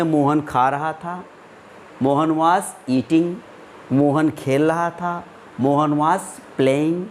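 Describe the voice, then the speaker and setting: A man's voice: a little high, slight background noise. A man teaching an English grammar lesson, asking and answering his own questions and drawing out the example words. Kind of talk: classroom-style grammar lesson.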